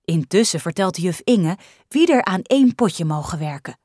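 A woman narrating a children's storybook in a clear, expressive way. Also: on the low side, moderate pace, no echo, studio quality. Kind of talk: storybook reading.

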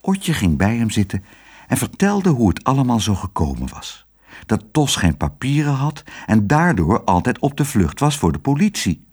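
A man reading a children's story aloud as narrator, with expressive, animated storytelling. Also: medium pitch, moderate pace, slightly rough.

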